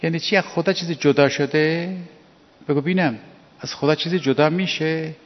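A man giving a lecturing sermon, animated and full of rhetorical questions, recorded with a dull sound. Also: a little high. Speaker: cleric. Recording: dull recording with long hall reverb.

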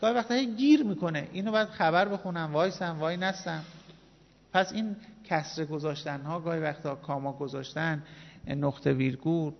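A man teaches a classroom full of students, his fairly high voice pressing each point home and going back over it. The sound is muffled and dull, and a long echo hangs off the classroom walls. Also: creaky. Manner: animated and emphatic, repeating points for students. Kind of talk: classroom lecture. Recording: dull, reverberant classroom recording.

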